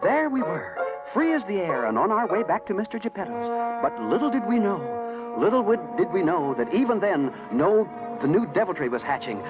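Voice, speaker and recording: An actor playing a small, chummy, fussy cricket, folksy and excitable, in a 1930s radio drama. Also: medium pitch, fairly quick, natural voice. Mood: storytelling. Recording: dull old radio recording with music.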